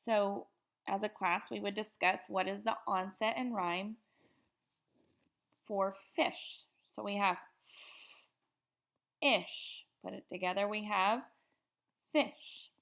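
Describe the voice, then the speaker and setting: A woman giving an upbeat slide presentation to teachers, often pausing on fillers. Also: medium pitch, little pitch movement, gravelly, fairly bright tone. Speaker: teacher educator. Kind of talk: presentation lecture over slides.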